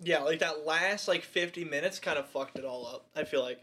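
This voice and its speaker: A man co-hosting a podcast, reviewing a movie in casual chat, animated and swearing a lot with frequent laughs. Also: a little high, brisk, slightly rough. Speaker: podcast co-host.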